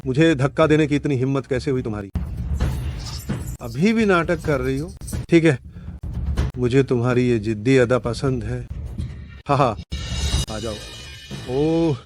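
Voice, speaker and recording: A man's voice: medium pitch, measured pace, pauses often, over music, close to an everyday voice. An actor dubbing a sleazy, taunting man who leers at a young woman. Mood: leering. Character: leering drunk male lecher at a party. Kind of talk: dubbed drama dialogue.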